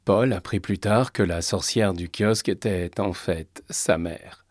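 Husky male storybook narrator. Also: low-pitched, a little slow, a little mellow, no echo, clean studio sound.

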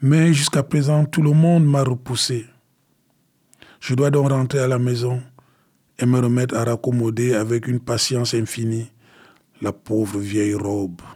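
A man voicing a poor, desperate mother, pleading softly for her child. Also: mid-range voice, level tone, a little slow, husky, pitched above the performer's own voice. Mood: weary. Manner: pleading, soft and gentle.

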